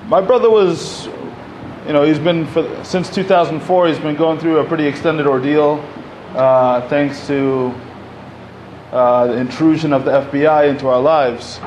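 A man in his thirties gives an unscripted talk into a podium microphone in a community center. His voice sits a little high for a man, and his speech is loose and conversational, full of fillers and restarts. Faint hiss and room noise hang under his voice. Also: steady tone, a little slow, darkish tone. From Egypt. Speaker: panel speaker. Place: community center hall, indoors.

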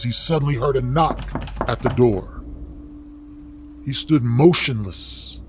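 A man narrates a story for learners, pacing every phrase slowly and carefully. His voice sits at an ordinary middle pitch, with a faint hiss of noise behind it. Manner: slow, careful, deliberate. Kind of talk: reading a story aloud for learners.

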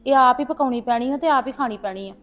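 A woman's voice: sits high, fast, close to an everyday voice. A woman playing a mother who gives her son motherly advice over the phone in a web series drama. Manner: motherly, advising.

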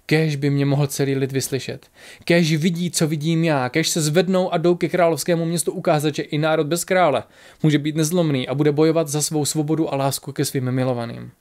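A man's voice: a little high, fairly even intonation, natural voice. A man doing a grieving, furious tiger warrior. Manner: shouting, impassioned.

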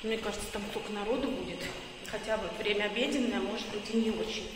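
A middle-aged woman vlogs on a phone held at arm's length, speaking quickly in a medium-pitched voice against a noisy background. She rambles casually and thinks aloud while on the move through a stairwell, a parked car and a busy supermarket.

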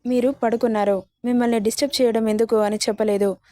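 A woman's voice: fairly high pitch, flat delivery, fast, dark tone, no echo, clean studio sound, close to an everyday voice. Woman doing a devoted, stubborn young wife. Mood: pleading. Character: devoted young wife, patient but defiant.

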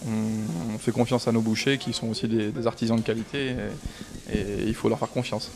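A French restaurant manager in his thirties answers on-camera interview questions into a handheld reporter mic in a small restaurant. His voice is on the low side and a little mellow, steady and fairly quick, but he hesitates with many fillers and restarts.

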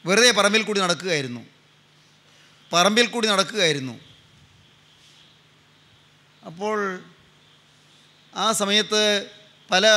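An older man delivers a sermon in a high, very bright, ringing voice. He drives his points home by repeating phrases and stretches key lines out slowly for weight. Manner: emphatic preaching with repeated phrases and a slow, drawn-out climax. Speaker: preacher.

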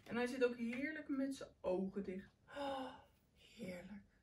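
A woman reading a picture book aloud to children, telling it in an animated, warm storytelling style. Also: high-pitched, a little slow, recorded from a distance.

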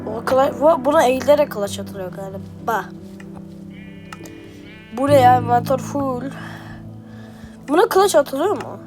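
A woman giving playful, excitable gameplay commentary as a gaming streamer, trash-talking and reacting loudly. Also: high voice, unhurried, pauses often. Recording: game music behind.

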